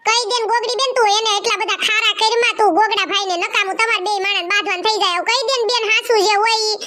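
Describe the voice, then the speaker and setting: A woman's voice: very high voice, fairly even intonation, fast, sharp tone. A woman in a village comedy skit, coaxing and persuasive. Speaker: comedy video co-host.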